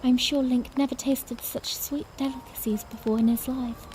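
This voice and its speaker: Young princess played by a woman, high and mellow, earnest and gently playful, storybook audiodrama telling over faint ambience. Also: fairly even intonation, normal speed, slight background noise, natural voice, poor audio. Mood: warm, wistful. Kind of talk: first-person audiodrama narration with character dialogue.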